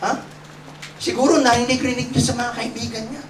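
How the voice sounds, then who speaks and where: A man's voice: extremely high pitch, brisk, noisy background. A man preaching as a pastor, joking and calling for amens from his congregation. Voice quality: joking, lively preaching with call-and-response. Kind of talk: sermon. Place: church hall with a congregation. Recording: roomy, distant mic, congregation.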